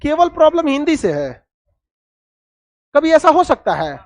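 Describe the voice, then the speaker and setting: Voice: high voice, very animated, a little slow, a little mellow. Chatty teacher. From Uttar Pradesh or Bihar. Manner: chatty, fires rhetorical questions at the class, joking asides. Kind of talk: classroom history lecture.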